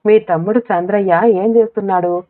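A woman's voice: medium pitch, steady tone, brisk, natural voice. A woman doing a worried elderly village woman. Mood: concerned. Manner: gently questioning, raising her voice to be heard. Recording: tinny phone-like audio.

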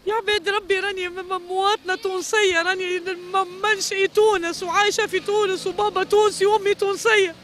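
A woman's voice: extremely high pitch, little pitch movement, quick pace, hardly any pauses, a bit bright, slight background noise. A middle-aged woman with a Tunisian Arabic accent giving a pleading street interview, repeating her phrases over and over. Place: street outdoors.

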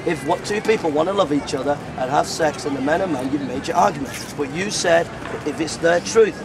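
A man's voice: a little high, a little fast. A middle-aged male street preacher in a debate, assertive and repetitive, cutting in to take back the floor. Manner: assertive, keeps cutting in, repeats phrases. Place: outdoor city square. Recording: outdoor recording with street noise.

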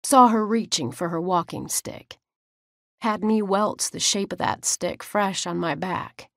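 Slow folksy woman narrating an audiobook. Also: medium pitch, creaky, a bit bright, no echo, clean studio sound. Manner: folksy drawl. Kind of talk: first-person audiobook narration.

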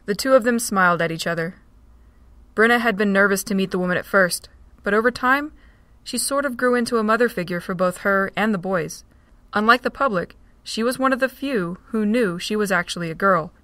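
Brief: woman narrator for a fan audio drama, even and steady, dry close recording. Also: medium pitch, brisk, no echo.

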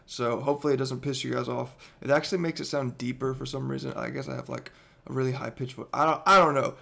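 A hoarse man in his twenties, his voice nearly gone, reacts to a gaming montage as a YouTuber, speaking fast in a medium pitch. He's excitable, swears a lot, stammers and laughs, and records indoors in his bedroom on an over-ear headset.

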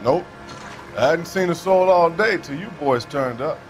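An actor playing a wary, folksy working-class American railway worker in a naturalistic period game. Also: male voice, a little high, moderate pace, faint music behind, close to an everyday voice. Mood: plain, wary. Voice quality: folksy, colloquial, defensive. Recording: noisy outdoor ambience.

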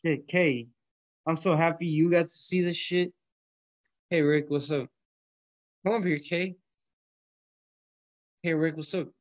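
Hosting an online audio room from a small room indoors, a young man from Colombia talks loosely about food and math, swearing and tossing out "bro" and "yo." He speaks on the high side in a steady, unhurried way, pausing often. The recording is dry, with the highs cut off.

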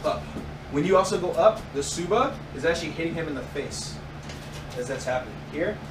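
A man's voice: fairly high pitch, expressive, brisk, distant mic. A man instructing a martial arts class, talking while he demonstrates moves and adding sound effects. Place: garage dojo with mats, indoors. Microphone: far camera. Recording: echoey room, heard from afar, loud noise.

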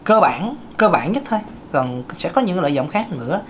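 Guy, thin light voice, chatty singing teacher, lots of uhs, pitch jumps up now and then. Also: big pitch swings, normal speed, slight background noise. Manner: chatty, with many fillers and sudden pitch jumps. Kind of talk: casual talking lesson.

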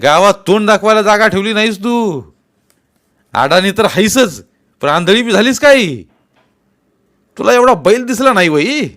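A man's voice: sits high, animated, pitched above the performer's own voice. A man doing a furious village headman. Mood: furious scolding. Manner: shouting, scolding, rapid-fire questions. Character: furious middle-aged village headman, self-pitying.

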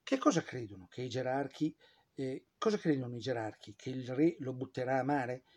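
A man's voice: medium pitch, animated, brisk, a little mellow. A man telling history in an informal, chatty way, with frequent fillers and sarcastic asides. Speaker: history presenter.

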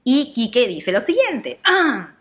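A woman's voice: fairly high pitch, slow pace. Gushing Peruvian woman vlogger. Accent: Peruvian Spanish. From Peru. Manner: gushing and excitable, with English exclamations and giggles. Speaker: celebrity gossip vlogger. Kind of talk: casual gossip vlog commentary.

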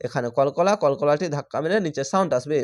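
A man teaching Quran reading who spells each word out slowly, syllable by syllable, then chants the whole word, and explains the rules patiently. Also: fairly high pitch. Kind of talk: spelling-out Quran recitation lesson.

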